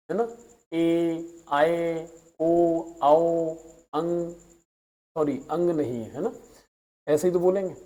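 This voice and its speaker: Mellow-voiced man teaching a class. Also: on the high side, low-quality recording. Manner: patient, explains slowly and drags out vowel sounds as examples; mixes in English words. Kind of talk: recap lesson for students.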